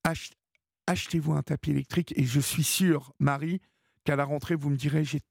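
A man hosting a late-night radio phone-in, his voice heavily gravelly and husky. He talks in a hesitant, encouraging way, full of fillers and restarts. The studio sound is dry and close. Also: a little high, steady tone, brisk, a little mellow, no echo. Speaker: radio host. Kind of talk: late-night call-in chat.

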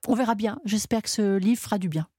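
A woman's voice: medium pitch, brisk, dark tone, faint music behind. A woman author giving candid, thoughtful answers as a guest in a radio interview.

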